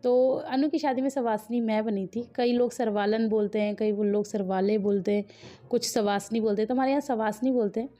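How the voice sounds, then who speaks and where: A woman's voice: a little high, warm tone. A woman vlogger in a chatty voice-over, talking straight to her viewers and quizzing them as she narrates family wedding footage.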